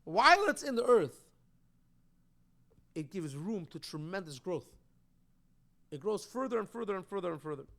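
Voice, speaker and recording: A man's voice: high-pitched, very animated, normal speed, vocal fry, long pauses, fairly bright tone. A man, a rabbi, teaching a Torah class, explaining texts and reading them aloud with strong emphasis.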